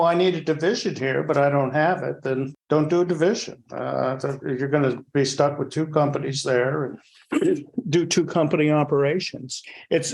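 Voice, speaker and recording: Blunt American man, slightly high voice. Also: creaky, low-quality recording. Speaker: fire service instructor and panelist. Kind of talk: unscripted panel discussion.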